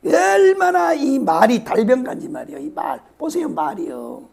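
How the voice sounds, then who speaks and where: A hoarse man, preaching a sermon and repeating his phrases with emphasis, sometimes dropping to a whisper. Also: extremely high pitch, wildly swooping pitch, normal speed, a little mellow. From South Korea, Yeosu-Suncheon area. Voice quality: raspy. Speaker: pastor.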